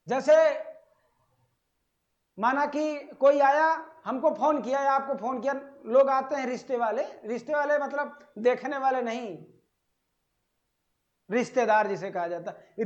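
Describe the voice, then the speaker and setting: High-voiced man teaching an exam-prep class. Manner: asks the class questions and answers them himself; stretches out key words slowly. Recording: dull lo-fi audio.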